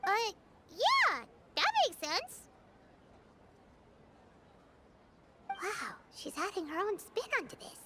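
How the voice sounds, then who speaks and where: A woman voicing a tiny, excitable, childlike fairy companion in an anime-style game, squeaky and chirpy. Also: a little slow, background noise, full character voice. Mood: curious. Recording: loud music behind the voice.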